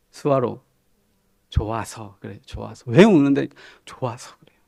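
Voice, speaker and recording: Lively-pitched Korean pastor preaching. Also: male voice, dry recording, studio quality. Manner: storytelling, retelling a TV drama with quoted lines; conversational, asks the congregation questions. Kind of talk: sermon. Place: church sanctuary.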